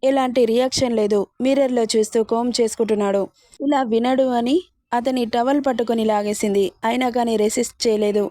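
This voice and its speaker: A woman reads a romance story aloud, her voice pitched a little high yet mellow and soft-edged. She keeps a steady, expressive storybook pace, and the sound is close and dry. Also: a little fast, no echo. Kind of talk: scripted romance story narration.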